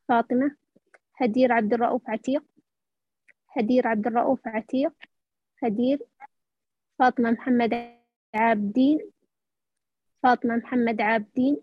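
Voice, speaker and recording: A woman moderating an online class, briskly calling out names. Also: a little high, husky, dry recording. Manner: brisk, calls out names in repetition. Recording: dull lo-fi online audio.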